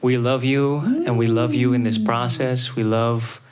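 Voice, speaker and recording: A man with an average-pitched voice closes a podcast episode. He speaks softly and reassuringly, pausing with small fillers. He is recorded in a treatment room. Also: level tone, clear, resonant tone. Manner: soft-spoken, reassuring, with hesitant fillers. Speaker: podcast co-host or guest. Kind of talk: warm podcast sign-off.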